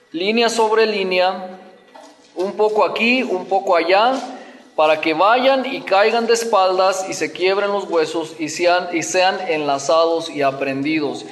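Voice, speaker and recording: A man preaching a sermon, telling stories in an animated way and acting out mocking voices. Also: high voice, long reverb tail.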